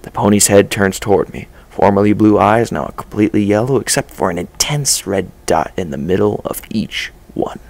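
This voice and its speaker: Gravelly, low-voiced man reading a story. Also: normal speed, hardly any pauses, darkish tone. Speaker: story reader. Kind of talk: first-person fan-fiction narration.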